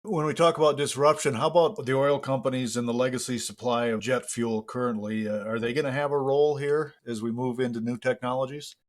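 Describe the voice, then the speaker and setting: A man hosting a podcast who asks the guest plain, smooth interview questions. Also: medium pitch, fairly even intonation, fairly quick, hardly any pauses.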